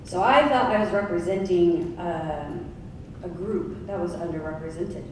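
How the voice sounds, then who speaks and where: A woman's voice: lowish voice, measured pace, darkish tone. Echoey, distant woman speaking in a hall. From Oregon, United States. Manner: candid, conversational, with asides. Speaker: panelist. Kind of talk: conference panel introduction. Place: large conference hall. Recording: echoey hall, from far off, with noise.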